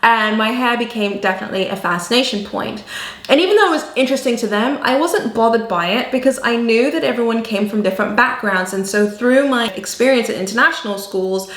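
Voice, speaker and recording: A woman whose first language was not English, speaking English with an accent shaped by southern Africa and American teachers, telling a personal story in earnest, animated vlog style. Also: fairly high pitch, fairly quick, reverberant. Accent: mixed African and American-learned English. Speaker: vlogger.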